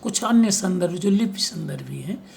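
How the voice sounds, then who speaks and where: A man's voice: high-pitched, animated, normal speed, creaky, a little mellow, a little hiss or hum. A male teacher giving an exam-prep lecture on spelling, reading out examples and often checking that his listeners follow.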